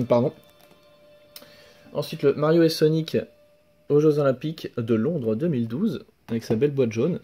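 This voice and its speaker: Young male vlogger, mellow laid-back delivery, hesitant with lots of fillers, faint music underneath. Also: fairly high pitch, measured pace, long pauses, slightly rough. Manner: relaxed, hesitant, many fillers and self-corrections. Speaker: video game collector vlogger. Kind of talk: casual show-and-tell vlog.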